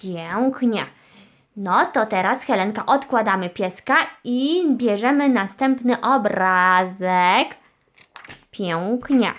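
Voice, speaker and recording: A woman's voice: a little high, slow pace. A young woman teaching a small child in a children's lesson, patient and encouraging as she guides step by step. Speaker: children's educator.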